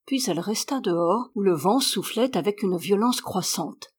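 A woman narrating a classic novel as an audiobook reader, lifting her voice higher and louder for the characters' lines. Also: lively intonation, normal speed, husky. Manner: voices characters by rising in pitch and volume.

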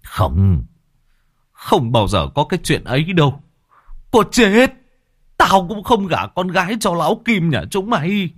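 A man's voice: sits high, sing-song, unhurried, pauses often, no room sound, studio quality, pitched above the performer's own voice, heavily acted. A man voicing a drunken, ruined middle-aged father who slurs and drawls his words. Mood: defiant. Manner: slurred, drawling drunk speech.

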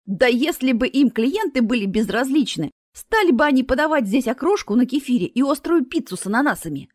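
A cheeky young ghost apprentice pipes up in a high, bright voice that jumps around a lot, as a woman reading a story puts her on. She is quick to take offence and bursts out indignantly, and the sound is close and dry. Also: lively intonation, no echo. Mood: triumphant. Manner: indignant, cheeky, shrill outbursts.

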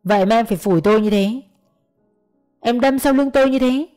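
A woman's voice: fairly high pitch, a little fast, dark tone, soft background music, natural voice. A woman voicing a furious, threatening man who accuses her character of betrayal, his speech menacing and accusing. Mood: enraged, accusing.

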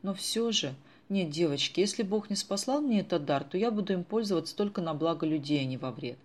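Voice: medium pitch, lively intonation, brisk, close to an everyday voice. A reader voicing an earnest, principled teenage girl in a storybook who talks in a thoughtful, moralizing way.

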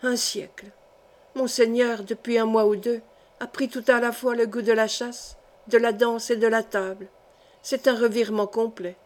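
A woman's voice: fairly high pitch, steady tone, normal speed, close to an everyday voice. A woman reading the part of an anguished, jealous young nobleman husband in an audiobook, passionate and pleading. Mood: tender.

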